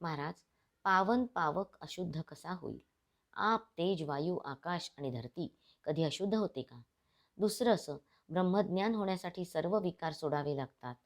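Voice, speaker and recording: A woman voices a serene male saint from a storybook. He speaks calmly and reasons patiently, in a low register. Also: a little slow. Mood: gentle.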